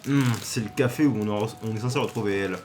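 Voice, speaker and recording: An excitable man from France doing casual Let's Play commentary, crude and joking. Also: on the low side, quick pace, faint music behind. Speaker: gaming video co-host.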